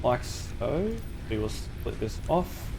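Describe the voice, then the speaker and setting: A young man with a sore throat, the channel's host, casually commentates on a factory-building game, thinking aloud with ums. His mid-range voice is gravelly and very animated at a slow pace, with background noise present.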